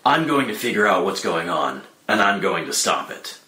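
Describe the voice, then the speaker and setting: A man's voice: low-pitched, sing-song, normal speed, pushed and bright, full character voice. A man playing Batman, a grim, distrustful and commanding hero, in a dramatic table read, with terse, confrontational delivery. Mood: stern, resolute. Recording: roomy echo with noticeable background noise.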